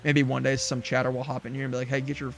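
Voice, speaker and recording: A man chatting casually as he streams a farming game, mid-pitched and easygoing. He rambles with fillers and restarts, and faint music plays behind him. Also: monotone, racing, vocal fry, a bit bright. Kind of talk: casual gameplay chat.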